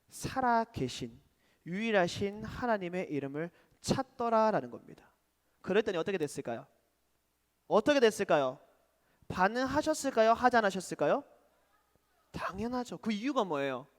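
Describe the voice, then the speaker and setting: A man preaching a youth sermon, asking rhetorical questions and swinging between loud and hushed delivery. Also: high-pitched, big-room sound. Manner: asks rhetorical questions, dramatic shifts in loudness. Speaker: preacher to teenagers. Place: church.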